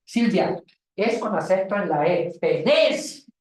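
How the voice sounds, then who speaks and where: A woman leads a Bible lesson in a classroom. Her pitch jumps around a lot as she explains and jokes with the students. The room is echoey. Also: a little slow, recorded from a distance. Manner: lively, calls on students by name, jokes. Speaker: Bible teacher.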